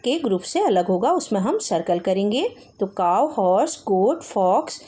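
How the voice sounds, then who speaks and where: A woman teacher patiently explaining textbook exercises to young children, mixing Hindi and English and reading word lists slowly. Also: mid-range voice, sing-song, dark tone.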